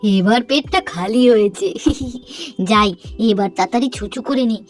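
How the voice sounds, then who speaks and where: A woman's voice: mid-range voice, normal speed, faint music behind, lightly acted. A woman voicing a sneaky little creature in a doll play, muttering furtively to itself. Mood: worried.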